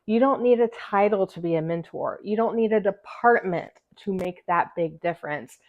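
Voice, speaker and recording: A woman's voice: on the low side, highs cut off. A woman with a slight lisp from wearing a retainer, hosting an emphatic, scripted advice vlog for fellow musicians. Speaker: host, music teacher and musician. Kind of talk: scripted direct-to-camera vlog, encouraging advice.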